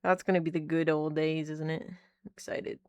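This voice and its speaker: Speaking at normal speed in a low voice with a flat delivery, a thirty-something woman livestreams from home. She works on a keyboard indoors, laughs a lot, and reads chat messages out loud in a relaxed, chatty way.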